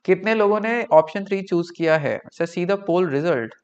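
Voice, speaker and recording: A man's voice: sits high, animated, normal speed, smooth, highs cut off. A young man with an Indian accent teaching a live online class, switching between Hindi and English and often checking in with the students. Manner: mixes Hindi and English, chatty, checks in with "right?". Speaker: online tutor.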